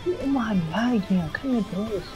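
A man's voice: sits high, animated, brisk, music in the background. A young man talking casually with teammates over voice chat during an online shooter game. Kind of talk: casual gaming voice chat with friends.

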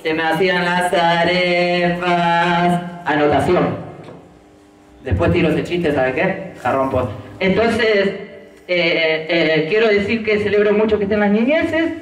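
Speaking slowly in a high voice, a man with an Argentine Rioplatense Spanish accent hosts a variety show dressed as a clown, trading playful, campy stand-up banter with the audience. He performs on an outdoor patio stage at night. His handheld wireless mic is picked up by a distant camera, so the recording sounds echoey.

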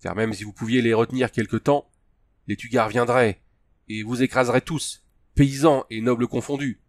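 A man's voice: mid-range voice, steady tone, normal speed, no echo, pitched above the performer's own voice, close to an everyday voice. A man reading the lines of a principled male army colonel in an audiobook, with firm, earnest delivery. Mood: urgent.

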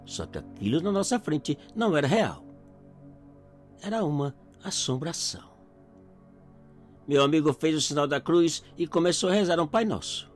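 A man's voice: on the high side, expressive, normal speed, long pauses. A man narrating a first-person horror story in a dramatic, suspenseful way. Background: faint eerie background music.

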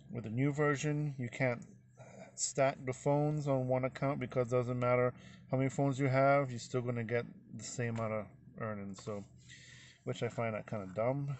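A man's voice: medium pitch, a little mellow, slight background noise. A middle-aged man vlogging casually, walking viewers through his phone screen in a folksy, rambling way. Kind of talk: casual screen-recorded walkthrough.

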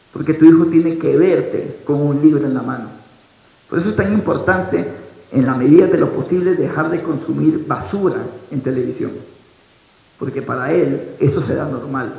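Energetic Ecuadorian speaker in a roomy hall. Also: male voice, a little high, vocal fry. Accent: Ecuadorian Spanish. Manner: energetic, questions the audience, paces the stage. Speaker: motivational speaker. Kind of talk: motivational keynote talk. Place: large wood-paneled auditorium stage. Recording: roomy hall sound, dull lo-fi audio.

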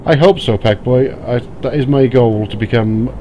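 A man's voice: medium pitch, moderate pace, lo-fi sound. A man streaming live, chatting casually and welcoming viewers by name as they join. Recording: steady background noise.

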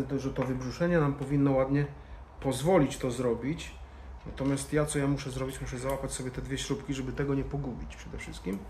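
A man with a warm, medium-pitched voice, a motorcycle vlogger, talks casually through a hands-on tutorial, often muttering to himself as he works. The indoor garage-bar lounge room gives a roomy echo, with background noise.

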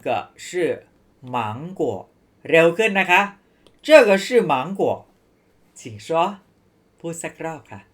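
A woman teaching a Chinese language lesson, saying phrases slowly and then fast, and pitching her voice up to model questions. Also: lively intonation, fairly bright tone.

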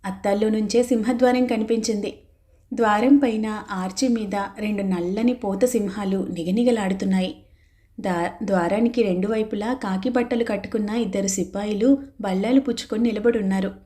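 A woman narrating a novel aloud in a steady storytelling manner. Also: mid-range voice, normal speed. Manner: steady storytelling, voicing characters' lines. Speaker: audiobook narrator.

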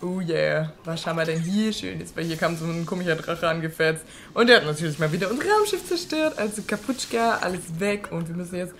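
A young woman hosting a let's play, chatting excitably with frequent swearing and sudden shrieks. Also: lowish voice, fairly quick, few pauses, slight background noise. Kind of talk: casual gameplay commentary. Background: faint game music.

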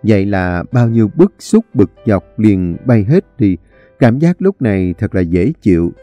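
Guy reading a drama novel, warm mellow voice, faint music. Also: lowish voice, measured pace. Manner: expressive, animated storytelling. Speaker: story reader.

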